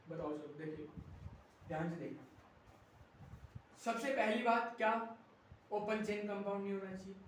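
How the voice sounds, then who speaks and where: A male chemistry teacher lecturing a class, firing quick rhetorical questions at students and urging them to copy notes fast. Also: high-pitched, a little hiss or hum. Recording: very echoey classroom, mic far off.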